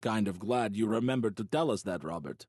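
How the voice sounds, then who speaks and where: A man voicing a deadpan, low-key male character in an audiobook. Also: normal speed, husky, no echo, studio quality. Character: adult man, dry and deadpan.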